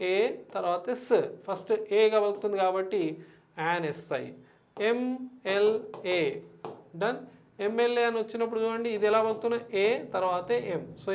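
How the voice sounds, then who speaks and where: A man teaching an exam-prep English lesson, often checking in with quick questions to his students and slowing down to spell out example sentences. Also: high-pitched. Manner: checks in with frequent quiz questions to the class.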